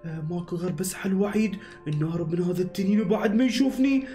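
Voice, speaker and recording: A man with an Iraqi accent voicing an excitable young male hero in an animated game movie, talking breathlessly to himself. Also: high voice, racing. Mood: sad. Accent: Iraqi Arabic. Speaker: voice actor and channel host. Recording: echoey room with background music.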